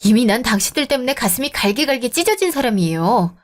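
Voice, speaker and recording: A young woman narrating and acting the lead in a scripted radio drama. Her voice sits fairly high, and her replies come out cold and cutting. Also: big pitch swings, quick pace.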